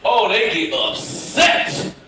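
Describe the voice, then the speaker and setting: High-voiced comedian working a crowd. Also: male voice, sing-song, slow pace, slight background noise. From Memphis, Tennessee, US. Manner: loud, hyped, playful, shouting to the crowd. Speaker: stand-up comedian. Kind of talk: stand-up crowd work. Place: cruise ship theater, live show. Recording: echoey live theater from far off, loud crowd.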